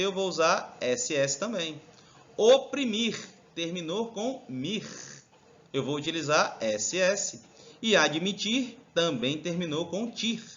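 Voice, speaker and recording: Lively male teacher. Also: fairly high pitch. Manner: chatty, addresses students directly with frequent check-ins. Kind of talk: lively classroom video lesson. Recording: dull lo-fi recording.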